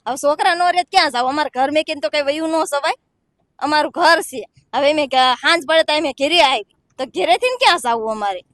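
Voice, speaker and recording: A woman's voice: high-pitched, a little fast, a bit bright, no room sound, clean studio sound. A young woman giving distressed, pleading testimony to a reporter. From Gujarat, India. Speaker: villager interviewed. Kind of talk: emotional testimony.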